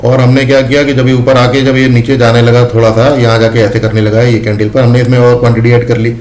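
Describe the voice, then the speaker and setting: A man explains his lesson patiently, circling back to each point and calling his listeners friends. His voice sits at an ordinary middle pitch. The room around him rings noticeably, with a faint hiss underneath. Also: little pitch movement, fast, darkish tone, roomy sound. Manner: repetitive, addresses listeners as friends. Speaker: trading educator.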